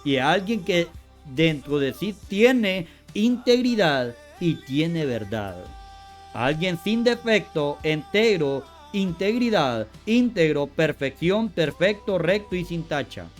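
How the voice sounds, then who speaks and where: High-voiced man teaching word meanings. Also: sing-song, slow pace, soft background music. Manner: repeats words and corrects himself often; spells out word meanings in lists. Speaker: Bible teacher. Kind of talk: teaching from scripture.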